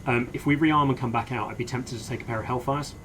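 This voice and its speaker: A man with a mid-pitched voice gives game comms as a helicopter pilot. His phrasing is measured and understated, part casual chat and part radio procedure, with clear aircraft noise behind. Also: steady tone.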